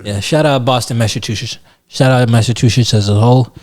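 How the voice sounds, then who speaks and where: A man co-hosting a podcast, telling loose slang-heavy stories in casual chat that often trail off quietly. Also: mid-range voice, steady tone, fairly quick. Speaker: podcast co-host.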